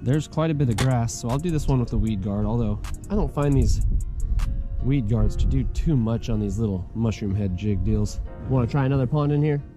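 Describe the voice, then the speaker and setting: This American man has a mid-range voice and talks a little fast as he hosts a laid-back fishing vlog beside a pond. His tone with viewers is folksy and full of slang, and music plays over the recording.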